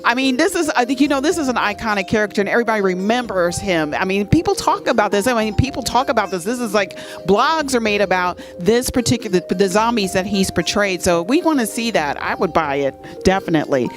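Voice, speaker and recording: Hosting an interview at a fan convention, a woman with a mid-range voice and lively intonation asks questions a little fast, with hardly any pauses. She's eager and enthusiastic, repeating "I mean," while music plays faintly behind her.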